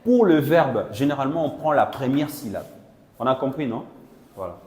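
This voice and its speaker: Homme interprète, salle très réverbérante. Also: male voice, medium pitch, lively intonation, moderate pace, a little mellow. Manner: explanatory, checks understanding with "non?" and "voilà". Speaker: classroom interpreter. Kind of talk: interpreting a Chinese lesson into French. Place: classroom. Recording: echoey classroom with long reverb.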